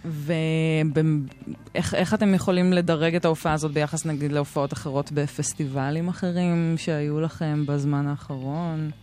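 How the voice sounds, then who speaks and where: A woman's voice: low voice, steady tone, mellow. Woman radio host, casual live interview delivery, music playing behind her. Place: radio studio.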